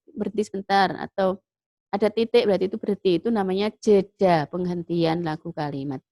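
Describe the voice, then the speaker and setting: A woman's voice: medium pitch, no echo. A middle-aged woman teacher talks her class through a lesson. She poses questions and answers them herself, patient and methodical. Her voice sits close to the mic in a dry room. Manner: patient, explains step by step, asks and answers her own questions.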